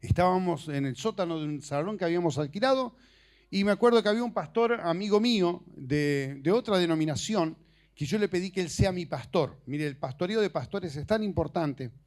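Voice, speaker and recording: Speaking haltingly and conversationally, with joking asides, a middle-aged male preacher and missionary shares personal stories in an informal sermon. He's a native Portuguese speaker with a notably high-pitched voice that sounds animated and slightly mellow.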